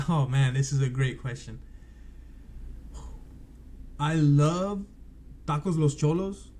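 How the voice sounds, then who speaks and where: A man's voice: a little high, slow, darkish tone. A man from California, a sports reporter, chatting as a guest on a casual podcast in an enthusiastic, easygoing way. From California, United States. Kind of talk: casual interview chat.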